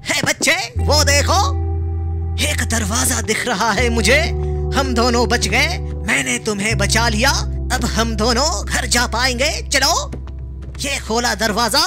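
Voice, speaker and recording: A man giving cartoon-style game commentary, calling out loudly and pleading urgently. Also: very high-pitched, unhurried, over music. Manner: loud, urgent calls and pleading. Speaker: gaming commentator.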